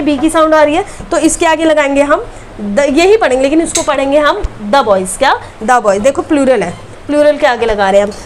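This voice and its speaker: A woman with a high, bright voice teaches a grammar class. She keeps asking her students to repeat key words back to her, in a brisk classroom manner, with faint noise under the recording.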